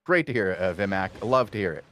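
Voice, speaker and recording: A man's voice: on the low side, expressive, fast, fairly bright tone, slight background noise. A man hosting a live game stream with a stuffy nose, reading chat aloud and coaching his teammates. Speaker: stream host.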